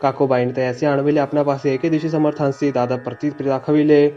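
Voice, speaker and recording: A man reading a devotional scripture aloud in a steady, sing-song way, as a recitation. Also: mid-range voice, fairly quick. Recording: dull lo-fi recording with faint music.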